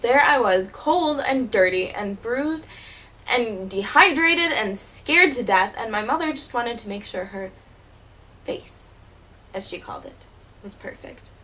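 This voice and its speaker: A woman playing a wounded, wry teenage girl who was once a child stage performer, delivering a dramatic monologue in a bitter, halting way. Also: on the high side, expressive, bright, forceful tone, a little hiss or hum, rough recording. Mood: hurt, bitter. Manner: bitter, hurt, halting with repeated words.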